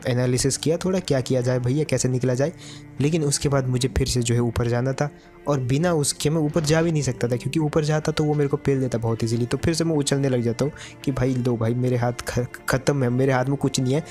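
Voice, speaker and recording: A man's voice: medium pitch, a little mellow. A man giving chatty gameplay commentary to his viewers, calling them brother. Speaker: gaming YouTuber.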